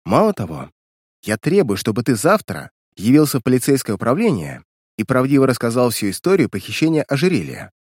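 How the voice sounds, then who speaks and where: A man voicing a calm, resolute young woman in an audiobook reading, cold and composed. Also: medium pitch, brisk, breathy edge, no room sound, studio quality. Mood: stern.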